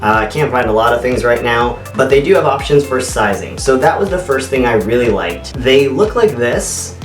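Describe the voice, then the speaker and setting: Man, casual vlog review, halting conversational delivery, echoey room, distant from the mic, mid pitch. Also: animated. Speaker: video reviewer. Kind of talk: casual product review to camera. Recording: echoey bare apartment, distant mic, faint music.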